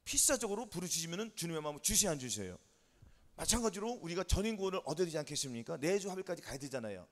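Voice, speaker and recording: A man preaching a sermon as pastor, telling a story with lively questions to the congregation. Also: a little high, racing. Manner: animated storytelling with call-and-response questions. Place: church sanctuary. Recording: long church hall reverb.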